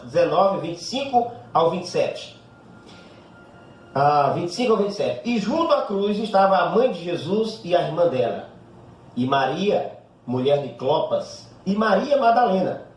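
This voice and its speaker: A man's voice: fairly high pitch, lively intonation, normal speed, echoey room, slight background noise, rough recording. A man with a Brazilian Portuguese accent preaching a sermon, explaining Bible verses in a conversational way. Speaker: pastor.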